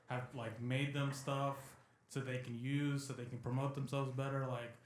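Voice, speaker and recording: A man's voice: mid-range voice, flat delivery, moderate pace, echoey room. A man who co-created the podcast, chiming in casually with teasing, pointed questions. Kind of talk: casual chat.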